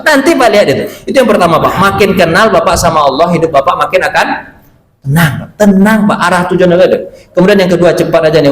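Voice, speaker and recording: A man preaching a short Ramadan sermon in a mosque, joking and questioning the congregation. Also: high-pitched. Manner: lively, jokes and acts out dialogues with the congregation; asks the audience questions, repeats "Pak" often. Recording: echoey mosque hall.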